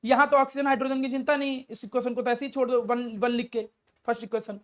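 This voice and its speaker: A woman with a slightly high voice and flat delivery talks quickly as she takes a student through a chemistry lesson step by step. In this classroom lecture she poses questions and answers them herself, addressing the student with affection.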